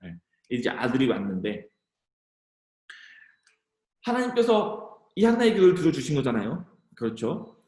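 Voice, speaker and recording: A man preaching to middle schoolers, retelling a Bible story in an animated, conversational way. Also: mid-range voice, moderate pace, pauses often. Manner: animated storytelling, addressing teens directly. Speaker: youth pastor. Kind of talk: youth sermon. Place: church. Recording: echoey church hall.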